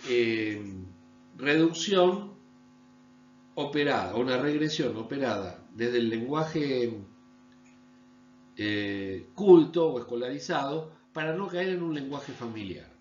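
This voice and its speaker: A man from Argentina, giving a recorded online university lecture and often checking understanding with a quick "¿sí?". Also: lively intonation, a little mellow. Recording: echoey room, dull low-fi sound with mains hum.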